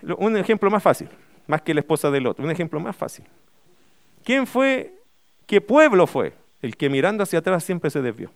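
A man's voice: a little high, big pitch swings, moderate pace, creaky, no echo. A middle-aged man, preaching a sermon as pastor, emphatic and full of rhetorical questions.

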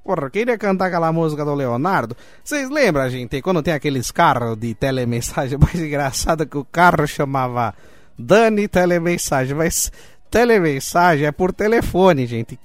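A man's voice: on the high side, very animated, normal speed, no echo, soft background music. A man with a Brazilian accent hosting a solo podcast, chatting casually and rambling, swearing often and laughing along. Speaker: podcast host.

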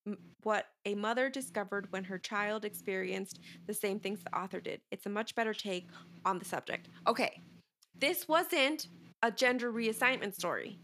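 A woman co-hosting a casual book podcast, reading reviews aloud in a relaxed way. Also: medium pitch, normal speed, a little hiss or hum. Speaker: podcast co-host.

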